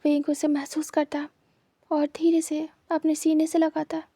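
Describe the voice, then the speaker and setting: A woman's voice: sits high, completely flat delivery, moderate pace, warm tone, no echo, studio quality. A woman with a Hindi accent narrating a fan fiction story, repeating herself for emphasis. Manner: repetitive, emphatic.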